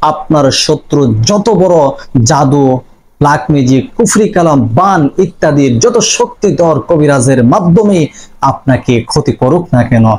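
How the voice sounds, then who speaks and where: A man's voice: on the high side, a little mellow, rough recording. A man giving earnest, reassuring religious instruction to viewers, repeating phrases for emphasis. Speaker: Islamic spiritual teacher.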